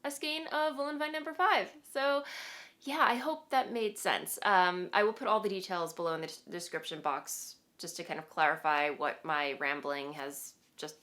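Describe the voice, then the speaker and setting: A woman's voice: lowish voice, steady tone, moderate pace, a bit bright. A woman with a stuffy, nasal voice from a cold talks straight to her viewers as host of a craft podcast. She chats casually, rambling a little with plenty of ums and small laughs. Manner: chatty and rambling, with fillers and laughs. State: congested from a cold. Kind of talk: casual chat to camera.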